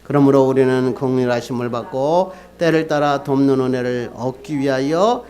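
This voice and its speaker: A man's voice: medium pitch, moderate pace, warm tone. A male pastor preaching a sermon, asking the congregation questions and answering them himself, building to emphatic peaks. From Korea.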